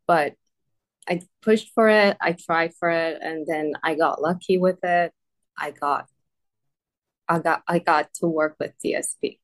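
A woman's voice: low-pitched, fairly even intonation, unhurried. A woman from Iran, a native Persian speaker, answering interview questions as an artist guest, hesitant and full of "um" and "like". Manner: hesitant, laughs often, says "like" and "um".

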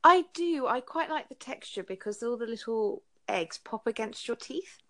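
A woman's voice: a little high, expressive, normal speed. A woman with a well-spoken English accent, chatting casually and politely. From England, early childhood in Portugal. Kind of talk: casual chat.

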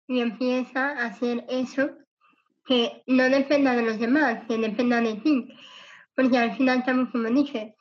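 Woman, altered strained voice after cancer, high-pitched, slow and earnest, dull lo-fi sound. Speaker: podcast guest. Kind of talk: interview conversation.

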